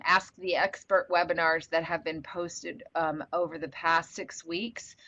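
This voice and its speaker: A woman official briefing a conference call from her office, halting with many ums, her computer audio glitching and cutting out. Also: fairly low pitch, a bit bright, muffled recording. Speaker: federal official leading a consultation call.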